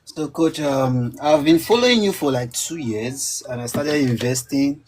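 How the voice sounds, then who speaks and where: A middle-aged man calling in to an investment show, speaking politely and haltingly with frequent uhs. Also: mid-range voice. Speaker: caller. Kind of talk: call-in question.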